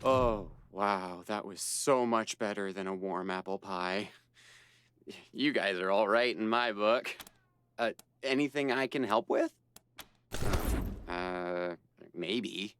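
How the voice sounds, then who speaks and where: A man's voice: fairly low pitch, slow, pauses often, fairly bright tone, a little hiss or hum. An actor playing an awkward, insecure young man in a video game, with a nervous, stammering, hesitant delivery. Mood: awkward, relieved. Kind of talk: video game character acting.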